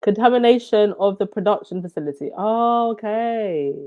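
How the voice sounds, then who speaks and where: A woman's voice: mid-range voice, lively intonation, phone-quality sound. A woman from Zambia with a stuffy, runny nose, hosting a casual livestream chat and reacting to viewer comments. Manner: chatty, reacts with quick laughs and "wow".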